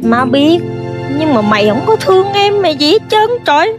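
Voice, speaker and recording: A woman's voice: high-pitched, big pitch swings, normal speed. A woman playing a fretful old Southern mother. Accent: Southern Vietnamese. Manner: fretful, pleading, bursts into wailing cries. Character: worried elderly country mother searching for her son. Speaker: contestant performer. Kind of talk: cải lương stage acting. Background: music.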